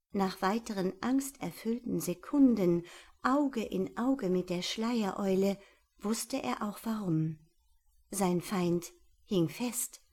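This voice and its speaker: A woman narrating a children's storybook in a calm, measured, softly expressive way. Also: mid-range voice.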